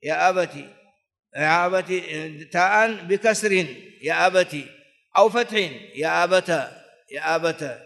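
A man teaches classical grammar in a rather high voice. He goes over each example form again and again and chants lines of old verse. His voice rings on in the long echo of a large hall. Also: normal speed, long pauses, fairly bright tone. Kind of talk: classical grammar lesson, explaining and reciting verse.

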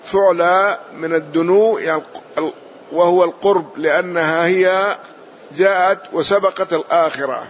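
A man with a high-sitting voice slowly explains a classical text line by line. His explanation is measured, repeating and rephrasing, and each point ends with a short affirmation. The audio is muffled and lo-fi, with a faint hiss.

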